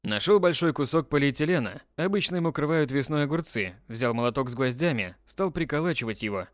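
Lively male audiobook narrator. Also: mid-range voice, brisk, no echo. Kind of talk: scripted narration.

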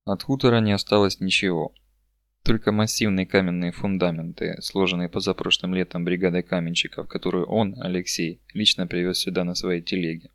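A man narrating a book in a steady, measured reading. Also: low voice, no room sound, studio quality. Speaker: audiobook narrator. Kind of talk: scripted narration.

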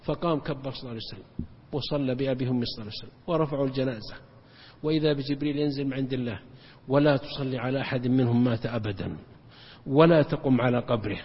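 A man gives a religious lecture, telling stories emphatically and jumping up in pitch to stress points. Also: very fast, husky. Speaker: preacher. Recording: dull lo-fi recording with long hall reverb.

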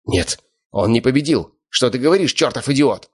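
A man voicing a fat, enraged dog-fight owner who yells insults. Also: medium pitch, expressive, normal speed, husky, pitched above the performer's own voice. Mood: furious. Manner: yelling, spitting insults.

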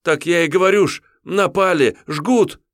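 A man's voice: sits high, normal speed, no echo, clean studio sound, pitched above the performer's own voice, lightly acted. A man doing a frantic young serf messenger. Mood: frantic pleading. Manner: pleading, breathless shouting.

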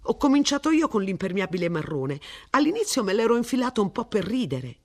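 A woman's voice: mid-range voice, sing-song, brisk, a little mellow, pitched above the performer's own voice. A woman voicing a cheerful, overfamiliar young man with a breezy, chatty manner in a story reading.

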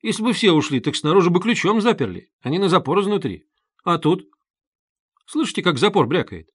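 A man voicing an eager, quick-witted young man who talks in a ringing, lively, urgent way, in a storybook reading. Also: sits high, breathy edge, dry recording, clean studio sound, voice pushed up, exaggerated voice.

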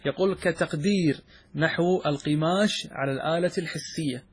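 A man's voice: on the high side, moderate pace, husky. A man, a sheikh, giving a classroom lecture on a classical logic poem. He quizzes his students with questions and then answers them himself. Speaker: sheikh teaching a logic text.

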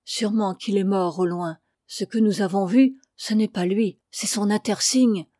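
A woman voicing a talkative old farm wife who speaks briskly and exclaims often. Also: mid-range voice, dark tone, no room sound, studio quality, natural voice. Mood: solemn. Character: old farm wife, chatty and warm-hearted.

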